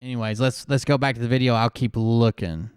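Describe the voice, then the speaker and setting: A man with a smooth, clear voice talks things through in a calm, skeptical way, swearing now and then. He hosts a casual commentary chat, and his voice sounds close and dry. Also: mid-range voice, brisk, dry recording. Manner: skeptical, explains calmly, swears.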